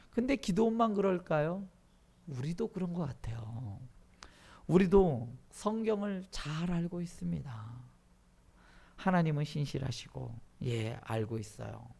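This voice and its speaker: Man, pastor, sermon, dramatic questions, acted-out dialogue, lively pitch. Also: creaky. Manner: acts out quoted dialogue.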